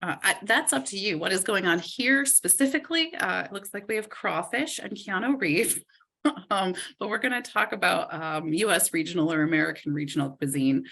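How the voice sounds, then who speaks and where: Bright-voiced woman co-hosting a webinar. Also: on the low side, vocal fry. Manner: light, joking, conversational. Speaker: webinar co-presenter. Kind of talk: casual chat in a webinar.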